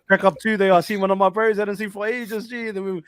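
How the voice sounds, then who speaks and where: High-voiced slangy Kiwi man, dry sound. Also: flat delivery, quick pace, a bit bright, clean tone, no echo. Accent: broad New Zealand. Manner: loose, slangy, punctuates with "bro", "cuz" and "G". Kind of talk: casual storytelling among friends.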